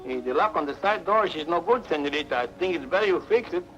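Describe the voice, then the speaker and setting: An actor playing an excitable comic male sidekick who speaks broken English with jumbled grammar. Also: a little high, fast talker. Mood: urgent. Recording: dull old TV soundtrack with music.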